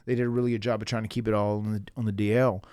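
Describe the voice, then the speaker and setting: A man in his fifties, a pro wrestler telling stories in a casual interview, animated and full of restarts and fillers. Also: lowish voice, rapid-fire, smooth, no room sound, clean studio sound. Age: 50s.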